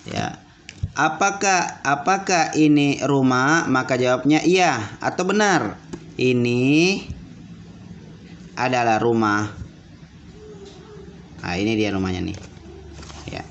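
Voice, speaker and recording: A man teaching basic Arabic to children, repeating words slowly and checking that they understood. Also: mid-range voice, fairly bright tone. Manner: repeats words slowly and asks questions back. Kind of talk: classroom lesson for children. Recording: dull lo-fi audio with faint room noise.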